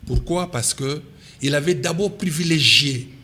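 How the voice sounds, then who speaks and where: This interviewee, a man with a Congolese accent, is a party official who comments on politics. He is forceful and insistent, hammering his points through repetition. His voice is slightly high, a little slow and bright, with a faint hiss or hum.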